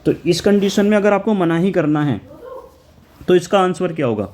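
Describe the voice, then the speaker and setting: Mellow-voiced man teaching German exam prep. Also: high-pitched, animated, moderate pace. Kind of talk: exam prep lesson explaining answers.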